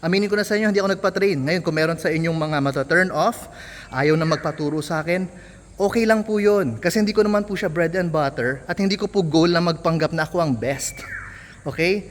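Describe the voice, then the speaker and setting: A man's voice: fairly high pitch, brisk. A young Filipino man with a Filipino accent, candidly explaining himself as an amateur tennis coach in a casual vlog. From Philippines. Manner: candid, apologetic, mixing English into Tagalog. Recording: long hall reverb, faint ambient noise.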